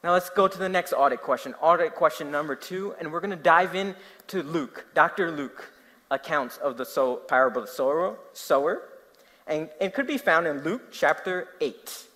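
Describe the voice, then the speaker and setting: Speaking at a moderate pace in a voice on the high side, a young New Jersey man with a local accent delivers a sermon. He tells animated stories and asks the audience questions, all under long hall reverb.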